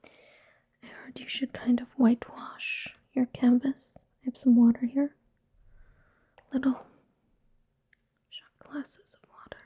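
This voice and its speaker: A young woman whispering close to the mic in an ASMR video, soft-spoken and self-deprecating as she chats while working at a table indoors. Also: high-pitched, flat delivery, takes it slowly, pauses often, husky, dry recording. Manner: whispered throughout; self-deprecating, chatty aside. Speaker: ASMR creator. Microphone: close microphone.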